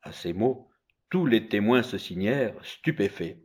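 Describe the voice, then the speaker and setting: A man narrating a story in a calm, even telling. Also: on the low side, a little slow, slightly rough. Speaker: reader.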